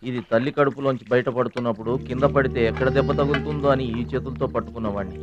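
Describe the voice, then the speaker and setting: A man in a film, speaking gently and from the heart as a kind younger brother. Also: medium pitch, fairly even intonation, fast, muffled recording, loud music behind the voice, lightly acted. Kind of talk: film dialogue.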